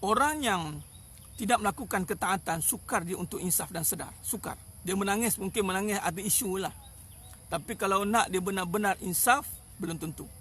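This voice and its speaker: A man's voice: high-pitched, normal speed, bright, forceful tone, a little hiss or hum. A man with a Malaysian Malay accent preaching a sermon outdoors, emphatic and repetitive, with many rhetorical questions. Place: outdoors in the sun.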